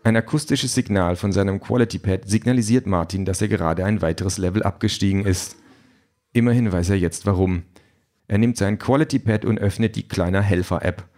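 A man narrating a story in an even, measured reading voice. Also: fairly low pitch.

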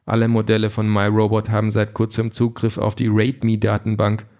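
A sheepish young man, voiced by a male reader close to his own low voice. He speaks hesitantly and a little mumbled, an unassuming audiobook character. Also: completely flat delivery, brisk, darkish tone, close to an everyday voice.

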